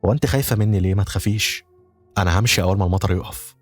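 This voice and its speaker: A man with an Egyptian Arabic accent voicing a creepy male stranger who talks his way into a house, smooth and overly familiar. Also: deep voice, racing, faint music behind. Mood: eerily calm. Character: creepy male stranger, eerily calm intruder.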